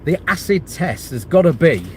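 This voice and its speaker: A fairly high-pitched, animated middle-aged man speaks at normal speed while reading viewer comments on his property channel livestream. He has a cold and chest infection and rambles casually with plenty of restarts and fillers. Some slight background noise comes through.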